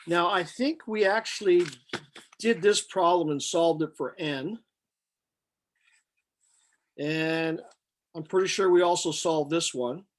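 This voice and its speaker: A man with a somewhat high-pitched voice teaches a class. He works through problems step by step, thinking aloud with halting pauses. His delivery is flat and matter-of-fact. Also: a little hiss or hum. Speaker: chemistry lecturer. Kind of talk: lecture, working problems step by step.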